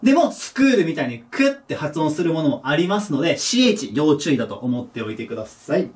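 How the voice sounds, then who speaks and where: Lively Japanese man teaching, slightly distant. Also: fast. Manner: lively, drops to a low murmur for example words. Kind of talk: recorded English pronunciation lesson. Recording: voice a bit distant from the mic.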